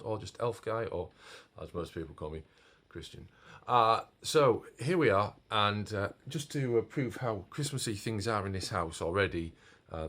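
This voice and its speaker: A man's voice: fairly low pitch, fairly bright tone. A man in his forties giving a rambling, self-mocking home vlog with puns, filmed on a phone or camera in his decorated family home. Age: 40s. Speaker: vlogger.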